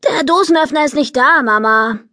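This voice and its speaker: A woman doing a high, stubborn little girl. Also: normal speed, bright, forceful tone, no room sound, studio quality. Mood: indignant. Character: young girl, stubborn and quick-tempered. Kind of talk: children's audiobook reading.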